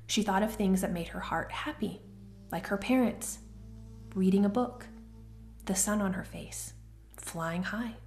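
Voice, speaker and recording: A woman narrating a children's storybook in a gentle, even-paced reading. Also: medium pitch, measured pace, long pauses, faint music behind.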